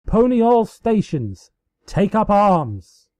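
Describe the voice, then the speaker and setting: A man's voice: high voice, sing-song, slow, dark tone, no room sound, pitched above the performer's own voice, exaggerated voice. A man voicing a playful, regal female pony princess in a grandiose, teasing, exclamatory storybook style. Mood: alarmed, commanding.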